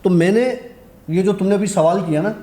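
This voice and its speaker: In a high, mellow voice at a moderate pace, a guest storyteller shares a horror experience from his own life. He tells it chattily, voicing each character's words as he goes.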